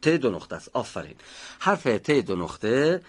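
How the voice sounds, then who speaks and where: A man's voice: medium pitch, sing-song, breathy edge. A man teaching a pronunciation class, patiently explaining how each sound is made and calling on students by name.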